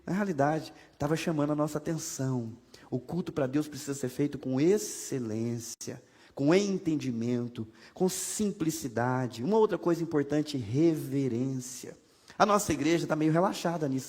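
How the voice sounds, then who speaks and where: A man's voice: on the high side, darkish tone, husky. A man with a Brazilian Portuguese accent preaching a sermon as pastor, conversational and humorous, with many rhetorical questions. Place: church sanctuary. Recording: long hall reverb from a church.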